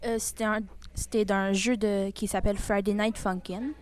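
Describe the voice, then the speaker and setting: A woman's voice: medium pitch, flat delivery, moderate pace, a little mellow. A woman with a Québécois French accent being interviewed in a casual chat, hesitant and searching for words.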